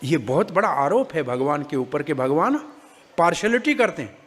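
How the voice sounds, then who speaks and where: A man giving a devotional scripture discourse, telling the story with animated acting of characters and joking asides. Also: on the high side, moderate pace, slightly rough, long reverb tail.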